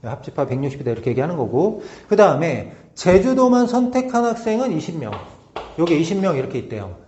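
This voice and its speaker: A man teaching a math lesson step by step, often pausing to check that students follow. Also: fairly high pitch, big pitch swings, warm tone. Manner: talks through steps slowly, checking in with tag questions. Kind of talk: whiteboard lesson walkthrough. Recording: roomy, slightly dull recording with faint noise.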